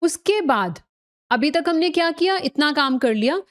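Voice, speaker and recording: A woman's voice: high voice, lively intonation, normal speed. A woman teaching a recorded tech lecture, explaining step by step, mixing in English technical terms and often checking that listeners follow.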